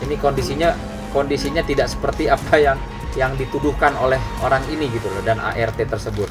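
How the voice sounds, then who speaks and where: Man rebutting claims under loud music. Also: medium pitch, steady tone, quick pace. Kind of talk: press conference statement.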